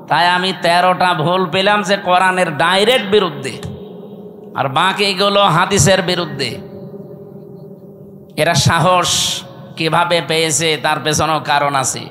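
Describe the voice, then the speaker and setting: Over a public-address system, a Bangladeshi-accented Islamic preacher delivers a fiery sermon, firing rhetorical questions and demanding that listeners respond. His high voice has a bright, hard edge, and he keeps a steady, unhurried tone with long pauses amid slight background noise.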